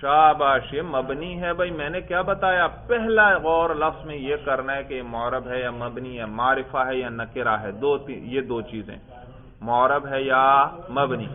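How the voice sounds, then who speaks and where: Man teacher quizzing his class, repeats answers back, tinny phone-like sound. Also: medium pitch. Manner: drills students with questions, repeats their answers, praises them. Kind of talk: classroom grammar lesson.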